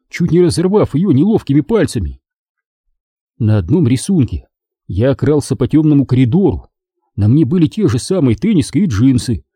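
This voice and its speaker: A man reading a children's book aloud as scripted narration, in a lively way. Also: breathy edge, no echo, studio quality. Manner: lively reading, raised pitch for the boy's shouted lines. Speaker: audiobook reader.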